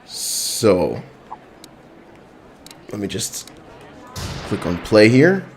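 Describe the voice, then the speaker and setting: A man's voice: lowish voice, very animated, extremely slow, a little hiss or hum. A man co-hosting a live online show, talking in a loose, chatty way with plenty of fillers. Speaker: co-host. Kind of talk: casual live-stream chat.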